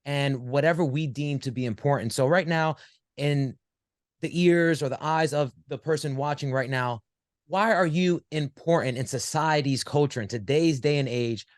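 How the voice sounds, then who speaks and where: A man's voice: on the high side, normal speed, no room sound, clean studio sound. A man hosting an interview show, making emphatic rhetorical points and asking probing questions. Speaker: talk show host, interviewer. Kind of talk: conversational interview.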